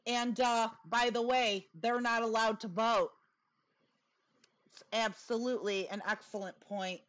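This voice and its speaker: A woman's voice: fairly high pitch, steady tone, a little slow, a bit bright. A woman giving casual, opinionated commentary in a blunt, sarcastic way, with a lisp and a whistling s. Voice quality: lisp with whistling s from new dental appliance.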